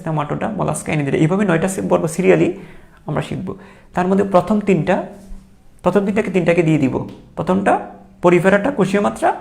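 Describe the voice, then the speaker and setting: A man's voice: sits high, vocal fry, a little mellow. A young man teaching a biology exam-prep lecture, repeating key terms and quizzing his students as he goes.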